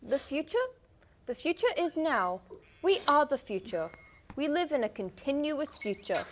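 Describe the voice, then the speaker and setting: A woman's voice: high-pitched, big pitch swings, unhurried, a little hiss or hum. A woman playing a young man turned hive-mind drone in a satirical drama, chanting repetitively in a detached way. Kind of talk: scripted satirical interview drama.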